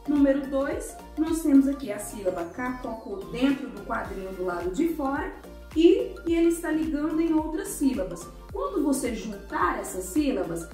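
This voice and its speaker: High, lively woman teacher in an echoey room. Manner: patient, uses many diminutives. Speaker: primary school teacher. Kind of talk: explaining worksheet exercises to children. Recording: echoey room, mic at a distance, faint music.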